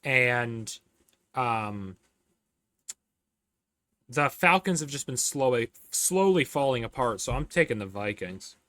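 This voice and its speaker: A man's voice: mid-range voice, lively intonation, takes it slowly, long pauses, a bit bright, dry recording. A man hosting a casual sports podcast, running through game picks with lots of fillers and restarts. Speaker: podcast host.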